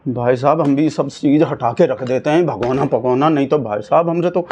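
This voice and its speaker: A man playing a naive, excitable village man who rambles, swinging between high excited bursts and low mumbled asides. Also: moderate pace, close to an everyday voice. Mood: mumbling asides. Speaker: comedian playing a satirical character. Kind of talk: comic satirical monologue.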